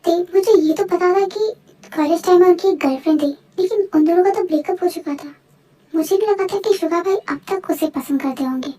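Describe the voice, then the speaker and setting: A woman voicing a gentle, reassuring young man in a fan voice-over drama. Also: extremely high pitch, fairly quick, far from the mic, faint music behind. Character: sweet-talking young boyfriend.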